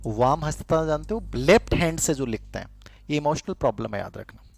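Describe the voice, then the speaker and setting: A man's voice: a little high, lively intonation, a little fast, creaky. A middle-aged man, teaching a lecture in a conversational way and repeating key terms so students can write them down. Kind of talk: classroom lecture with dictation.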